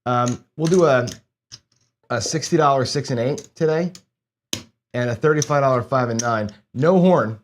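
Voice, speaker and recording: A casino gaming host chats with viewers during a casual craps session, talking to himself and stammering through frequent restarts as he plays. His medium-pitched voice moves at a moderate pace over slight background noise.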